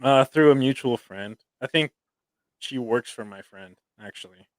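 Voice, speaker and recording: A man's voice: medium pitch, moderate pace, dry recording. Laid-back young guy calling everyone dude. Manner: laid-back, says "dude" a lot, laughs along. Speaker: podcast co-host. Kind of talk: casual chat.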